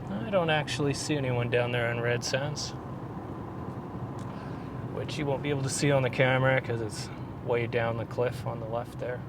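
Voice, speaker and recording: A man's voice: medium pitch, moderate pace, pauses often. A man chats casually to viewers in a laid-back, rambling way as he narrates a drive. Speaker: vlogger filming a drive. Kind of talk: casual driving vlog narration, chatting to viewers. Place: inside a moving car. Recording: clear vehicle noise. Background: car and road noise.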